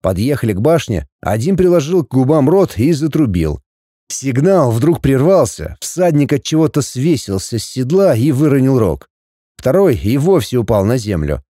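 Wry, warm-voiced male storyteller. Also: mid-range voice, sing-song, moderate pace, no room sound, studio quality. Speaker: narrator. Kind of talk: audiobook reading.

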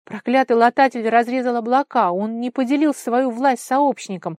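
A woman's voice: a little high, moderate pace, a little mellow, no echo, studio quality, natural voice. Urgent young heavenly woman, as a reader puts her on. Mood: commanding. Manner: urgent and imperious. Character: anxious, commanding young celestial woman.

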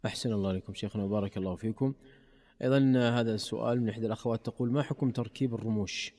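Brisk man presenting in formal Standard Arabic. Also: on the low side, steady tone, dark tone, long reverb tail. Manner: courteous, formal. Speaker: radio program host.

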